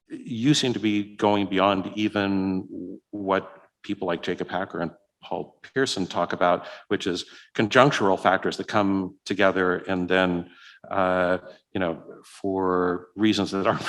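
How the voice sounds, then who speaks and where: A man with a very deep voice gives a keynote talk at a conference and then answers audience questions. He pauses often, with plenty of "uh" and "you know" between his points. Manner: hesitant, many fillers and restarts. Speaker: keynote speaker. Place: conference hall.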